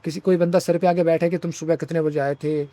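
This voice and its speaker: A man's voice: on the high side, fairly even intonation, quick pace, dark tone, no echo. A young man from India ranting bluntly and profanely in a casual vlog story. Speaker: vlogger.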